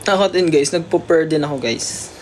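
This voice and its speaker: A livestream host chatting casually to viewers about a pet cat, at times slipping into a high coaxing baby voice for the cat. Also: moderate pace, a little mellow, slight background noise. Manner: chatty, keeps addressing viewers.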